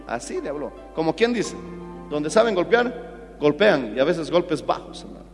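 A man's voice: a little high, very animated, moderate pace, vocal fry, in a large hall, faint music behind. A male pastor preaching a sermon, telling stories dramatically and addressing listeners as brothers. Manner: dramatic storytelling, acting out quotes, calls listeners "my brother".

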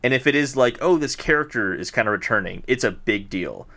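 Bright-voiced man chatting about games. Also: medium pitch, fairly quick, creaky. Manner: relaxed, explanatory, with fillers. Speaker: podcast co-host. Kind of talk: casual chat.

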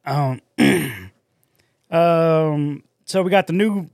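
A man co-hosting a casual podcast, rambling through work stories in an animated way and swearing a lot. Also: fairly high pitch, drawn-out words, no room sound, studio quality. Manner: rambling, profane, animated storytelling. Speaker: podcast co-host and store manager.

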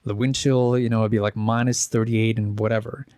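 In a casual interview, a musician in his thirties from the Czech Republic rambles through his stories, full of fillers and false starts. His voice is on the low side, level, slightly mellow and a little fast, captured dry with clean studio sound.

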